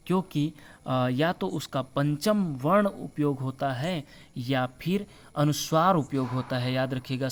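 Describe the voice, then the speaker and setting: Man teaching a spelling lesson. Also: mid-range voice. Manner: repeats the word for friends and reminds viewers to remember; slow deliberate spelling-out of letters. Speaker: Hindi teacher. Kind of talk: spelling lesson over slides.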